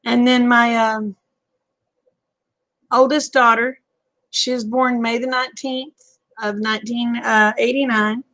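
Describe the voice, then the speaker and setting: Woman, 50s, stream host, casual folksy chat, slightly high voice with a gravelly edge. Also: little pitch movement, slow pace, pauses often, fairly bright tone, no echo, rough recording. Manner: folksy and talkative, chuckles often.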